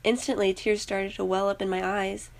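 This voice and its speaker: Brief: young woman narrator, earnest read-aloud, creaky. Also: medium pitch, flat delivery, normal speed. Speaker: student narrator. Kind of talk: personal story read aloud.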